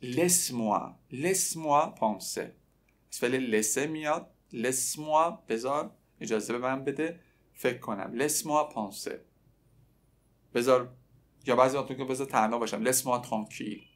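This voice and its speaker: A man leads a relaxed language lesson, speaking as if to his students. His pitch sits in the middle for a man, and he slows right down whenever he repeats a French phrase for the learners to copy. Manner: explains in Persian, then repeats French phrases slowly. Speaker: French teacher.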